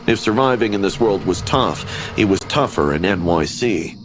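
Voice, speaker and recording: Deep-voiced man narrating a horror story. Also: moderate pace. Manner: steady, ominous storytelling. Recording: animation audio with background music.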